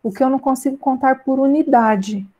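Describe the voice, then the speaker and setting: Teacher, mellow voice, English examples. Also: female voice, sits high, muffled recording. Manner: explains in Portuguese, reads English examples slowly and clearly; keeps checking in with "né?" and "tá?". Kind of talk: online class lesson.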